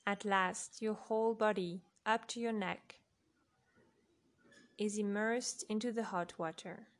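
A woman speaks in a soft, unhurried voice, leading a guided relaxation for sleep. Her pace is very slow, with long pauses between short phrases. Her pitch sits in a medium range. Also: fairly even intonation.

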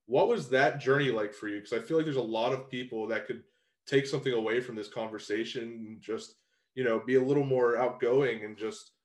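A man's voice: medium pitch, fairly quick. Young male podcast host, mid-range voice, loose and chatty, echoey room. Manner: relaxed, rambling, with many fillers. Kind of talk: casual interview chat. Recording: roomy echo.

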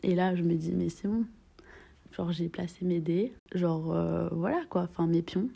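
A woman's voice: on the low side, normal speed, creaky, dark tone, husky. A young woman in her twenties telling a holiday story in a chatty, slangy vlog, joking at her own expense and dropping into whispered asides. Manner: chatty, slangy, mixes in English phrases; playful, self-mocking, drops into whispered asides. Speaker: vlogger.

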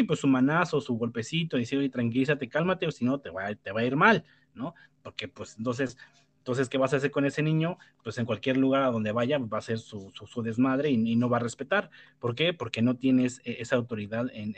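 A man with a Mexican accent giving opinions in a casual debate, rambling and blunt, swearing freely and tagging his points with questions. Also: medium pitch. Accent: Mexican Spanish. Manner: rambling, many restarts and tag questions. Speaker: panelist.

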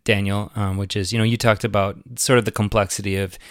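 Low-voiced enthusiastic male podcast host. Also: flat delivery, fast talker, no echo, clean studio sound. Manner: rambling, enthusiastic, laughs often. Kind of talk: casual conversational interview.

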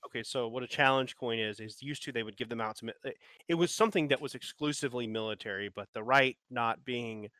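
A man's voice: medium pitch, quick pace, pushed and bright, no room sound. A man co-hosting a casual podcast chat, ranting and rambling with lots of "like" and restarts. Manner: rambling, ranting, heavy use of filler "like".

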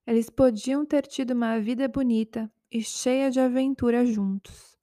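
A woman narrating a story calmly and evenly, her voice pitched a little high. The recording is dry and close, with no room sound. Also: normal speed, no room sound.

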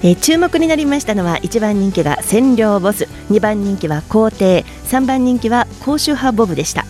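A woman's voice: mid-range voice, expressive, normal speed, a little mellow. A woman hosting a racing review show, presenting results and chatting with her panel. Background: background music.

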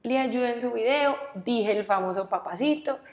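A young woman from Medellín with a paisa accent, telling her story as a podcast guest, animated and quick to laugh. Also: a little high. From Medellín, Colombia. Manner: animated, laughs often, acts out quotes. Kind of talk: casual interview storytelling.

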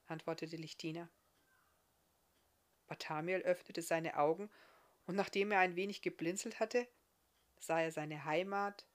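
A woman, the author, reading her fairy-tale novel aloud in a calm, expressive storytelling manner. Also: on the low side.

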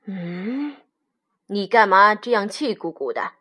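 A woman's voice: medium pitch, lively intonation, takes it slowly, bright, forceful tone, breathy edge, exaggerated voice. A woman voicing a stern, officious old male gray dog who runs the post office, in a storybook read-aloud. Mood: puzzled. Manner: prim, officious.

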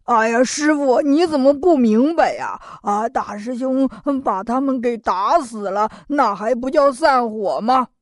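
A woman's voice: on the high side, a little slow, hardly any pauses, no room sound, clean studio sound, natural voice. Woman playing Zhu Bajie, bumbling pig-monk. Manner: rustic folksy talk, calls himself 俺老猪. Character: clumsy greedy pig-monk, male, simple-minded. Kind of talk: children's storybook audio.

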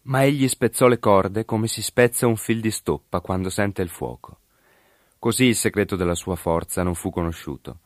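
Male narrator with a very low voice for measured, literary scripture storytelling. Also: no echo, studio quality.

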